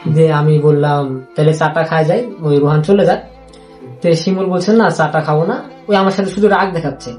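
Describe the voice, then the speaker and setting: A young man with a Rajshahi Bengali accent, haltingly recounting a personal story, with many restarts and repeated phrases. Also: fairly high pitch, darkish tone, faint music behind. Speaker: interviewee.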